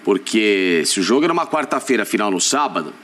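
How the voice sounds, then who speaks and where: A man's voice: on the low side, animated, fast, a bit bright, a little hiss or hum. A man with a Brazilian accent on a studio sports panel, explaining fixture details step by step. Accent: Brazilian Portuguese. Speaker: sports TV commentator.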